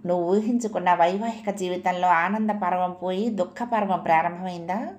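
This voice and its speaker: A woman reading as a gentle, caring friend. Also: on the low side, steady tone, close to an everyday voice. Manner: soft, unhurried, comforting.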